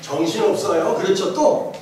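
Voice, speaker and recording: A middle-aged male pastor with a strikingly high, lively voice preaches to his congregation, teasing them with questions and laughing along. He rises into emphatic, shouted refrains. He is picked up from a distance in a very echoey church hall, with the congregation audible around him. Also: normal speed, a crowd in the background. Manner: jokey, quizzes the congregation, laughs often. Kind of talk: interactive sermon teaching.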